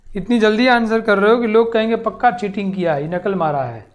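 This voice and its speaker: A man teaching chemistry in a live online coaching class, animated and teasing, repeating words rapidly, coaxing his students and mixing English terms into his speech. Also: sits high.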